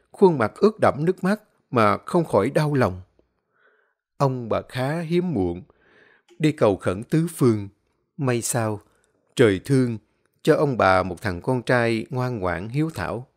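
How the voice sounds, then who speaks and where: A man narrating a story in an expressive, varied way. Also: medium pitch.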